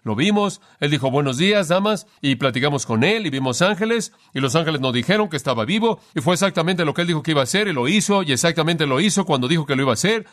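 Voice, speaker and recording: A man voicing a group of excited women rushing to share news. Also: a little high. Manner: rushed, eager and excited.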